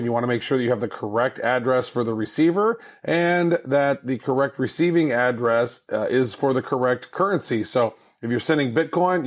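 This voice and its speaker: Easygoing male podcast co-host. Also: medium pitch. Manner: easygoing, rambling, hesitant fillers. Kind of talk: casual podcast chat.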